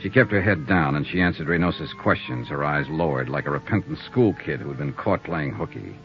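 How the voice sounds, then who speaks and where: A man with a rumbling low voice speaks in an animated, slightly fast way, narrating as an actor playing a terse, hard-boiled insurance investigator in an old radio detective show. The recording is a dull old radio broadcast with faint music underneath.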